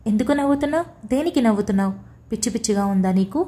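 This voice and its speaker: A woman's voice: a little high, lively intonation, racing, mellow, close to an everyday voice. A woman voicing a young wife, tearful and fiery, speaking in sobbing, accusing reproach in an audiobook story. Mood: angry. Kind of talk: audiobook character voice.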